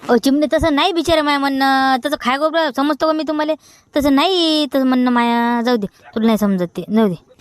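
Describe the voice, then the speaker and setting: A grumbling, bantering young village man with a Vidarbha Marathi accent, played by a woman. The voice stays high for the part, and the recording is dry and close. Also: a little fast, no echo. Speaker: comedy actor. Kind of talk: rural comedy sketch acting.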